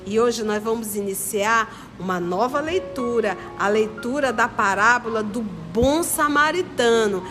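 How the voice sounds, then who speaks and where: With a northern Brazilian accent from Manaus, Amazonas, this woman teaches a children's religious lesson in an expressive voice on the high side, unhurried and with hardly any pauses. She explains things step by step, repeats her points and questions her young listeners. Clear background music and a long, reverberant echo fill the recording.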